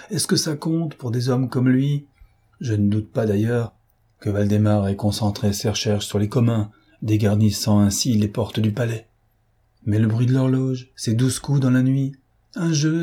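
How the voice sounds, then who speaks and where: A man voicing a proud, defiant gentleman thief in an audiobook, mocking and self-assured. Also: mid-range voice, steady tone, unhurried, husky. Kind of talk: audiobook character reading.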